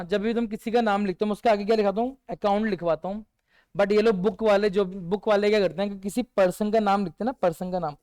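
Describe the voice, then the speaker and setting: A male teacher giving a revision lecture who keeps asking his students rhetorical questions and answers many of them himself with quiet one-word replies. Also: high-pitched, clear, resonant tone.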